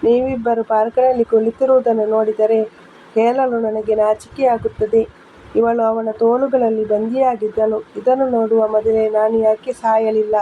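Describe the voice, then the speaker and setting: A woman's voice: a little high, flat delivery, moderate pace, close to an everyday voice. A woman reading as a harsh scolding stepmother. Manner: sharp, accusing. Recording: dull lo-fi with faint hiss.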